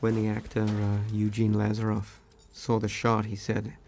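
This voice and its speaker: Low, gravelly male director, flat delivery, for a relaxed DVD commentary. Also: a little hiss or hum. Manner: relaxed, measured, with frequent ums and uhs. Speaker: film director giving commentary.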